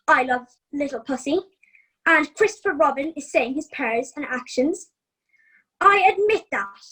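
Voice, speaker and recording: A woman voicing a nervous, complaining young male wolf, reading a storybook letter home in a fretful, expressive way. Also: high-pitched, heavily acted, rough recording. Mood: pleading.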